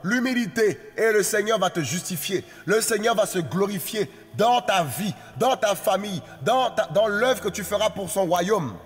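High-pitched preacher in a reverberant hall. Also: male voice, animated, normal speed, few pauses. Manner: exhorting, repetitive, singsong preaching cadence. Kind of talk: sermon.

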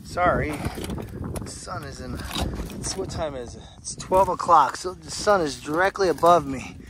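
A man with a slightly high voice talks casually as he explores outdoors, thinking out loud and asking himself questions. His speech comes in short, searching bursts with frequent restarts. Steady outdoor noise sits clearly behind him. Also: unhurried. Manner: musing aloud, wondering questions, self-corrections. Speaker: explorer vlogger. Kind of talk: casual vlog narration while exploring. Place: outdoors in the desert at midday.

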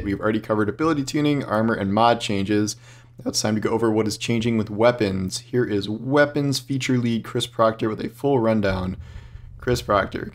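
A man hosting a gaming video, reading a long text aloud and reacting to it live in a casual, chatty way, with many fillers and bursts of excitement. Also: lowish voice.

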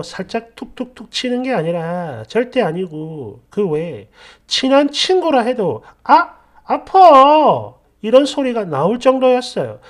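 A woman's voice: mid-range voice, darkish tone. A woman narrating a first-person workplace story in a chatty, indignant, confiding way.

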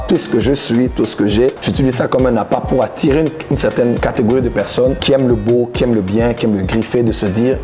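Wearing a lapel mic against a plain grey studio backdrop, this Congolese preacher in his thirties, from the Democratic Republic of the Congo, gives relaxed interview answers to camera. He smiles, gestures with both hands, and speaks in a mellow, mid-range voice, pausing thoughtfully with frequent "euh"s. Music runs beneath his voice.

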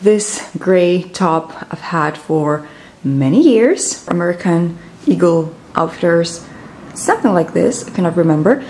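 A woman's voice: lowish voice, expressive, slow pace, a little mellow, reverberant, a little hiss or hum. A woman in her twenties chatting casually and upbeat to her camera in a vlog, a little out of breath. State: slightly out of breath. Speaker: vlogger.

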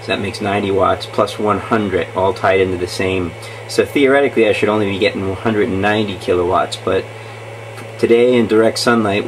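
A man's voice: low-pitched, a little mellow, a little hiss or hum, poor audio. A man explaining his home project while filming, in a plain way with many ums and uhs. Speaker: channel host. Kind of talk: casual home-project video walkthrough. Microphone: camera mic, off-screen filming.

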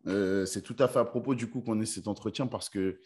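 A young man from France hosting a video-call interview, chatty and enthusiastic, from a bright room at home. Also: fairly low pitch, brisk. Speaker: interview host.

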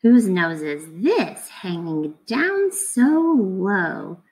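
Reading a picture book to children in a teacherly way, a woman in her thirties speaks very slowly in a mid-range voice. Her delivery is expressive and instructive, and she poses questions to her young listeners.

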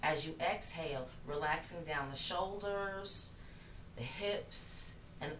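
Middle aged lady doing slow yoga instructions, soothing, mic way across a roomy space. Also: deep voice, a bit bright. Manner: measured, soothing, with long pauses. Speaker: yoga teacher. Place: living room, seated on the floor. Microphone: camera mic across the room. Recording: roomy, noisy, distant microphone.

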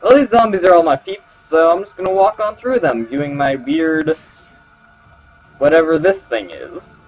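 A man's voice: fairly high pitch, expressive, moderate pace. A man commentating his gameplay, sarcastic and joking as he talks to the characters. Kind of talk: let's play commentary. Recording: slightly dull with game music.

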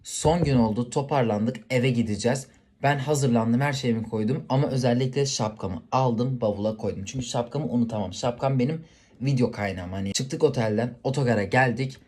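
Speaking fairly quickly in a darkish, mid-range voice, a vlogger chats directly to his audience while casually telling a story to the camera.

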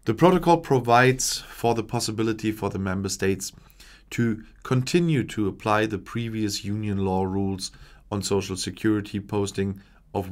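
A man in his forties reading political news from a script at a desk microphone in a small home studio, measured and steady with small slips. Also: fairly low pitch. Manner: measured, reads long official passages with small slips. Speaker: news commentator. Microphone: desk microphone in front.

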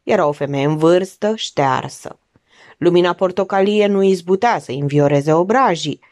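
A woman's voice: a little mellow, no room sound, studio quality. A woman narrating an audiobook expressively, changing her voice to act out the characters. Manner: acts out characters with big pitch jumps. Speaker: audiobook reader.

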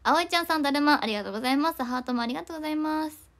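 A young woman, chatting fast and casually on a livestream, reading viewer comments and often apologizing. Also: high-pitched, a bit bright.

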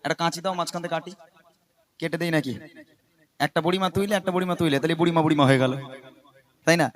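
A man's voice: fairly high pitch, a bit bright. Teasing male singer joking on stage. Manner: teasing, joking, gives quick commands. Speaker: gojol singer performing on stage. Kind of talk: playful stage banter with children in the audience.

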